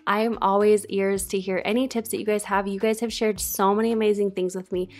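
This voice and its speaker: A woman's voice: medium pitch, little pitch movement, brisk, darkish tone. A young woman narrating her home decluttering vlog in a chatty, encouraging voice-over, often repeating words for emphasis. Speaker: home cleaning vlogger. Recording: faint background music.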